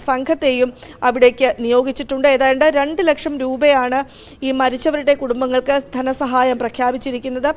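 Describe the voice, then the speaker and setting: High-voiced woman news presenter. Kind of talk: news discussion on air.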